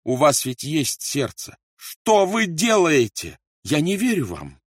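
A man's voice: on the high side, huge pitch swings, slow pace, no echo, studio quality, voice pushed up, exaggerated voice. Man doing a hysterical pleading mother. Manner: screaming, begging.

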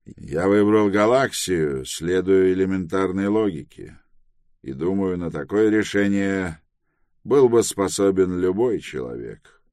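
An earnest, stubborn grown man from a storybook, read by a male narrator. His voice is very deep and unhurried, and he presses his points insistently. It is recorded close and dry. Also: lively intonation, darkish tone, no room sound. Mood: reasoning. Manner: insistent, deliberate. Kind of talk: audiobook dialogue reading.

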